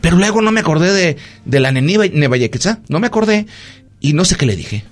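His voice is on the high side and fairly quick: a doctor with a Mexican accent hosting a relaxed radio chat. He storytells animatedly, with fillers throughout.

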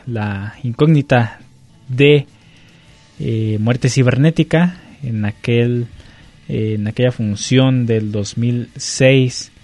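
A man gives unscripted wrestling commentary as a host. He speaks slowly and haltingly at a medium pitch, recorded close and dry. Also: darkish tone, no room sound. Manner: halting, searching for words. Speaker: show host.

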